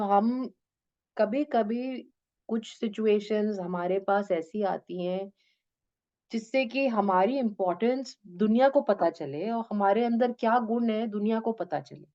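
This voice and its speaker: A woman teaching a spiritual discourse to her students, gently coaxing them and slipping English phrases into her talk. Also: medium pitch, highs cut off. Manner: gentle, coaxing, addresses listeners as "beta".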